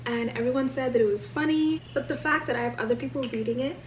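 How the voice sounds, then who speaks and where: A woman's voice: sits high, quick pace, a little hiss or hum. A young woman, a college student, chatting animatedly to the camera in a casual vlog from home. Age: young adult.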